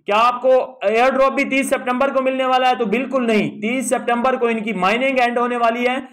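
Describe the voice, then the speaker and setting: In this screen walkthrough, a YouTube host with a very high voice talks a little fast, guiding viewers through an app step by step. The explanation stays steady, though a habitual filler turns up in nearly every phrase.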